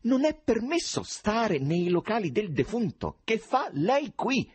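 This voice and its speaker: A man's voice: medium pitch, wildly swooping pitch, slow, husky, dry recording, heavily acted. A man voicing a suspicious, rude male building manager who questions sharply.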